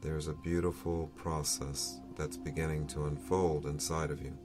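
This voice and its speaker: A man leading a guided breathing meditation in a soothing, unhurried manner, leaving long pauses between phrases. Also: a bass voice, little pitch movement, over music. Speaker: meditation teacher.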